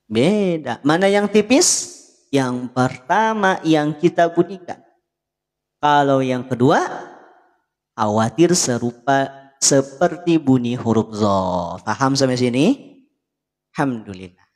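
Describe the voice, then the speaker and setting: Slow, patient male Quran teacher. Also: mid-range voice, animated, big-room sound. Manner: patient, checks understanding often; demonstrates sounds by chanting them. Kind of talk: live online lesson.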